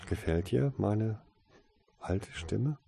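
A man with a deep, husky voice voicing a gentle, youthful young woman who speaks softly and tenderly, in an audiobook reading. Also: expressive, drawn-out words, full character voice. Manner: soft, tender and affectionate. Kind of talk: audiobook character voice.

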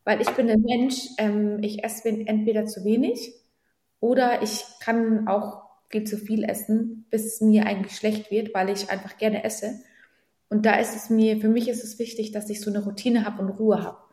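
A woman's voice: mid-range voice, flat delivery, normal speed, dark tone. A woman in casual chat, talking in a direct, teasing way. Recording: roomy echo.

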